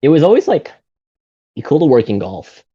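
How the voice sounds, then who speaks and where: Here the Singapore-born golf shop owner in his thirties, who has an American accent, sounds fairly high-pitched at a moderate pace. As an interview guest he chats casually, rambling a little with plenty of fillers and restarts in a relaxed manner. The sound is lo-fi, with crowd noise behind him.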